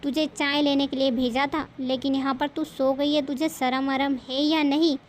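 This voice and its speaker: A woman voicing a sharp-tongued older mother-in-law who scolds and complains. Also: high-pitched, steady tone, a little slow. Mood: exasperated. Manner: nagging, exasperated complaining.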